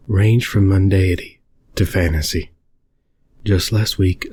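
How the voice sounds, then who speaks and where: A man narrating a scary first-person story as a hunted survivor, in a haunting, grave and measured way. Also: low voice, mellow, breathy edge, dry recording. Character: haunted, fearful survivor hunted by unseen beings.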